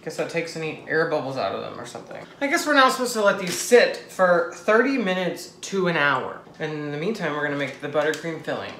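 A man's voice: fairly high pitch, very animated, brisk, few pauses. Giggly young man in an echoey kitchen. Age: 20s. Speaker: host of a home baking vlog. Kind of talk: casual chat to camera while baking. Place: home kitchen. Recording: echoey kitchen, clicks and background noise.

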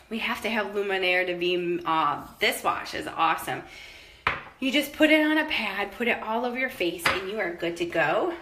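A woman's voice: medium pitch, bright, forceful tone, slight background noise. A woman in her thirties giving a rambling, enthusiastic home tour of her products, a little out of breath as she walks around her bathroom, recorded on a phone at arm's length. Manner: chatty, rambling, enthusiastic, many fillers. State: a bit out of breath while moving. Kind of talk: casual chat. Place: home bathroom and closet, indoors. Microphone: phone held at arm's length.

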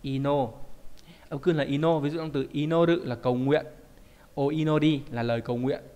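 A man's voice: fairly high pitch, fairly even intonation, fairly quick, warm tone. A man teaching a Japanese kanji lesson, explaining in a conversational way and often asking rhetorical check questions.

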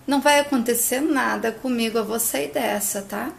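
A woman voicing a young female patient who keeps reassuring her family through tears, with a gravelly, pleading way of speaking. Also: fairly high pitch, slow, a little hiss or hum. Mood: tearful, pleading. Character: adult female patient, tearful and brave.

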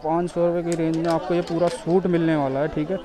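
A man vlogs a casual tour of an outdoor street market as host, often repeating himself and calling viewers brother. He talks fast in a fairly high, level voice over crowd chatter.

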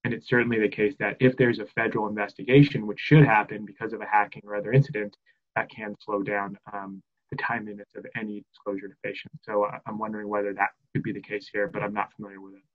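A man's voice: on the low side, level tone, fast talker. A man speaking as a panelist on a video call from a small room, hesitant and often repeating words. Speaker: health tech expert panelist. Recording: dull lo-fi audio.

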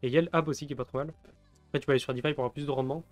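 A man's voice: medium pitch, fairly even intonation, rapid-fire, faint music behind. A man in his twenties from France, rambling through casual live-stream commentary, laughing often and answering chat. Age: 20s.

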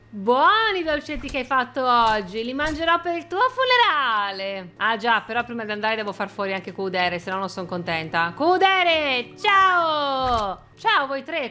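A woman's voice: fairly high pitch, sharp tone. A woman giving playful, theatrical gameplay commentary as a YouTuber. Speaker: gaming YouTuber.

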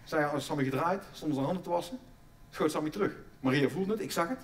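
On a theatre stage, a middle-aged man performs a stand-up comedy routine, stammering through restarts and erupting into loud bursts of mock outrage. His voice is fairly high, he talks fast, and the mic is distant.

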